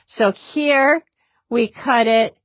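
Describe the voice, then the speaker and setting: A woman shows products in a fabric shop in a casual, chatty way. Her voice sits somewhat high and sounds upbeat, and she tends to repeat herself. The sound is dry and close. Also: extremely slow, dry recording.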